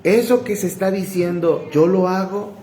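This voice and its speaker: A man's voice: high-pitched, normal speed, mellow, roomy sound, a little hiss or hum, low-quality recording. A man pastor, preaching emphatically and talking straight to the congregation. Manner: emphatic, repetitive, addresses listeners as brother. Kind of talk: sermon. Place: church hall.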